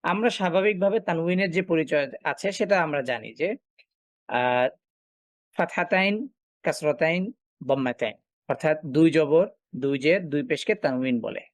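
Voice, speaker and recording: A man's voice: on the high side, lively intonation, moderate pace, pauses often, dry recording. Patient male teacher, dry close sound. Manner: explains step by step, asks and answers own questions; frequent filler sounds while thinking. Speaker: Quran recitation teacher. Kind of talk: online class lecture.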